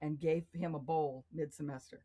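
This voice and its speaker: Casting: middle-aged woman, chatty interview guest, animated storyteller who acts out quotes. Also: low voice, moderate pace. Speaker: guest artist. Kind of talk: casual interview conversation.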